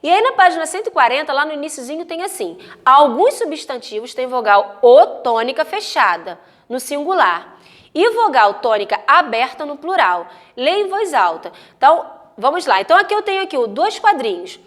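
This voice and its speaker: A woman teacher with a Brazilian Portuguese accent and a high voice gives a lesson to young pupils. She goes through each rule patiently and stretches out her example words carefully. She keeps checking that her listeners are following along. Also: very animated, normal speed. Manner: patient, explains step by step, often checks in with "tá?". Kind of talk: recorded classroom lesson for children.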